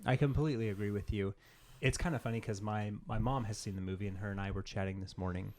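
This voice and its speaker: Speaking fast in a lowish, steady, slightly mellow voice, a man co-hosts a podcast about games and pop culture. His chat is casual and rambling, peppered with frequent "like"s.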